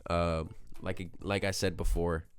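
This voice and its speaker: A man hosting a gaming channel, nose stuffed up from a cold, talks casually to camera through a desk mic, wandering off on tangents, teasing himself and cracking asides. His voice is low, smooth and flat, and he takes his time.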